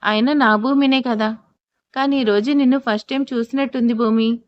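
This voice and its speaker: A woman's voice: a little high, steady tone, moderate pace, no echo, close to an everyday voice. Flustered young husband in an audio story, read by a woman, dry and slightly dull. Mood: embarrassed. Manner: bewildered, defensive questioning.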